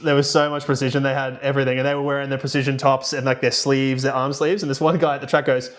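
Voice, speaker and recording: A man co-hosts a podcast in easy, casual chat, telling a long story at a quick clip. He rambles and restarts with plenty of fillers, his pitch sitting in an average range. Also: level tone. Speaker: podcast co-host and producer. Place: remote, recording away from home.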